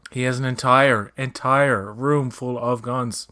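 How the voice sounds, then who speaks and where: A man's voice: mid-range voice, steady tone, measured pace, bright, forceful tone. A man from Canada with a mid-range voice gives casual commentary. He is blunt and leans on repeated words to make his point. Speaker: watch-along co-host.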